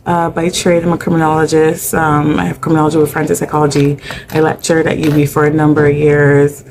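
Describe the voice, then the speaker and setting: A woman's voice: low voice, little pitch movement, fast, background noise. A middle-aged woman with a Barbadian accent speaking candidly in an interview, with many fillers. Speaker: mental health advocate guest. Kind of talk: conversational interview.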